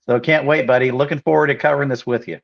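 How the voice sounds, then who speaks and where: A man's voice: mid-range voice, steady tone, fast talker, creaky. An earnest, encouraging male co-host on a live sports chat show. His voice comes through dull and muffled, as if on lo-fi audio. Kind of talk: casual livestream sports chat.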